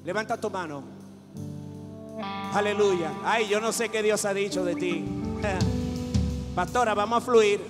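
A man's voice: high voice, slow pace, long pauses. A man with a Dominican accent preaching a fervent sermon at a live church service and calling people to the altar. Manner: fervent, rising to exhortation. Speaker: pastor. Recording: echoey hall, live worship music.

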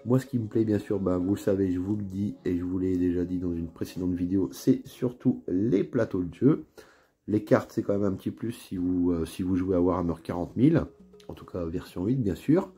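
A man's voice: sits low, breathy edge. A man with a northern French accent chatting casually through an unboxing video, with plenty of hesitations and fillers. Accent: northern French (Ch'ti). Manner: relaxed, chatty, many fillers and pauses. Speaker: miniatures hobby YouTuber. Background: faint background music.

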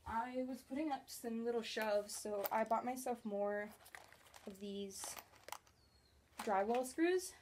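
Indoors in her small studio apartment bedroom, a young woman vlogs a grocery haul, bubbly and gesturing while a camera records from a few feet off. She talks slowly with frequent pauses in a slightly high voice, against a noisy background.

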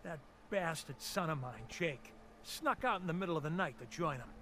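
An actor playing a gruff, earnest older farmer father in a video game, warning bluntly. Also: on the high side, lively intonation, moderate pace, a bit bright, slight background noise. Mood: urgent. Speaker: game character.

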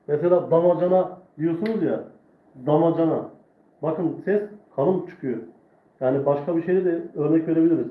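A man teaching Quran reading in a live online lesson, drilling letter sounds slowly and patiently. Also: fairly high pitch. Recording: echoey room, tinny phone-like sound.

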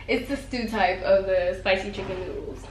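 A woman's voice: mid-range voice, moderate pace. A young woman hosting a casual vlog, chatting loosely with lots of ums and likes. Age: young adult. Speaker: vlog host. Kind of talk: casual chat on camera. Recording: roomy, distant, clattering kitchen noise.

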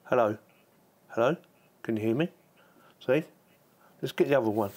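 A man with a mid-range, somewhat dark voice and moderate pace hosts a casual product review. As the channel's tech reviewer, he chats informally and thinks out loud while demonstrating the gear.

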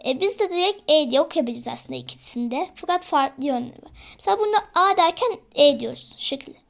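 A young woman with a high-pitched voice hosts a casual learning vlog. She talks to her viewers as friends, pausing on fillers as she works through each point. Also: lively intonation, vocal fry. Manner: chatty, often addresses viewers as friends, hesitant fillers. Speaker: vlogger teaching herself Korean.

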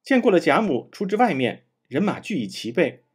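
A man reading a classic novel aloud in a measured storytelling manner. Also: a little high, big pitch swings, slightly rough.

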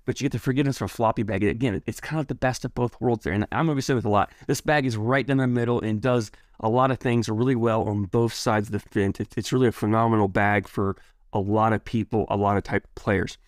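A man's voice: fairly low pitch, fairly even intonation, quick pace, no echo, clean studio sound. A man giving a casual, enthusiastic product review, rambling a bit with restarts and repeated words.

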